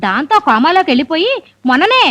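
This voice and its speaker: An actress playing a chatty relative of the bride, explaining things in a matter-of-fact way. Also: female voice, high-pitched, very animated, fast talker, fairly bright tone, dry recording, clean studio sound. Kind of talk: film comedy acting.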